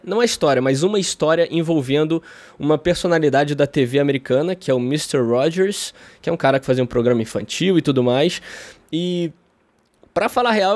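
A man's voice: fairly high pitch, fairly quick, no echo. A young man with a Brazilian Portuguese accent, co-hosting a podcast in casual, chatty talk and laughing often. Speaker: podcast co-host.

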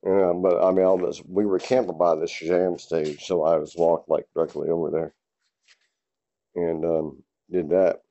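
A man's voice: low-pitched, level tone, a little slow, dark tone, muffled recording. A man hosting a casual solo podcast from his garage, rambling loosely with lots of fillers and casual swearing. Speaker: podcast host. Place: home garage.

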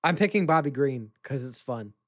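A man's voice: medium pitch, expressive, normal speed, fairly bright tone, no echo, studio quality. A man co-hosting a casual podcast chat, rambling loosely, laughing often and swearing offhand. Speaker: podcast co-host. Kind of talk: casual chat about fighting.

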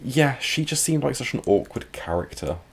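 A man's voice: medium pitch, very animated, normal speed, slightly rough. A man co-hosting a comics podcast, talking casually and rambling, often trailing off mid-thought. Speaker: podcast co-host. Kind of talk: casual comic book discussion.

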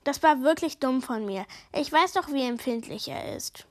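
A woman's voice: high voice, animated, moderate pace. A woman voicing a sheepish male hotel owner who apologizes meekly. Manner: apologetic, meek.

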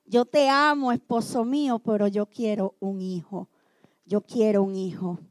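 A woman voicing a grieving biblical wife who longs for a child, speaking quietly and pleadingly. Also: mid-range voice, steady tone, a little slow, no room sound, pitched below the performer's own voice, lightly acted. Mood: sorrowful.

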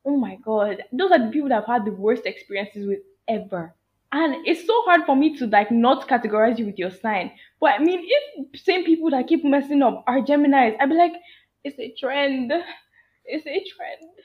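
On dull, lo-fi audio, a young woman with a high voice chats casually at a moderate pace as a podcast guest. She tells stories with animation, frequently quoting herself and acting out how she reacted.

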